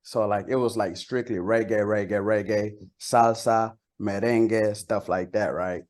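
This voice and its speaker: A casual, colloquial man from San Jose, Costa Rica, whose first language is Spanish, is a guest in a relaxed interview; he's a bilingual rapper and songwriter who peppers his speech with "like" and "you know." His lowish, darkish voice stays steady and runs a little slow.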